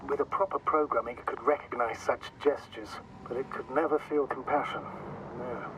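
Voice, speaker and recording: An actor playing a calm, dry male mission commander, heard through a radio transmission filter. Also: mid-range voice, normal speed, recorded from a distance, background noise. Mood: composed. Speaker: mission controller. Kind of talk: video game voice acting.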